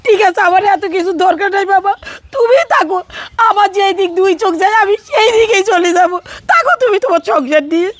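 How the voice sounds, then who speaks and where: Shrill quarrelsome elderly mother-in-law, high-pitched, woman cast. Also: brisk. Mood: tearful. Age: older. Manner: shouting, accusing, repetitive demands. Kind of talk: melodramatic family drama acting.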